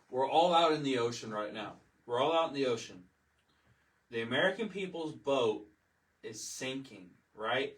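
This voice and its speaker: A man's voice: medium pitch, fairly bright tone, distant mic, low-quality recording. A man hosting a livestream, delivering a heated, emotional rant, repeating himself and swearing. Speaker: livestream host. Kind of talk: impassioned political livestream rant.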